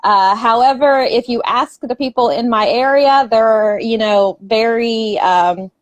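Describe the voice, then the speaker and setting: A woman's voice: on the high side, measured pace, no room sound. A woman author from Southern West Virginia with an Appalachian accent, chatting casually in an interview, laughing often between filler words.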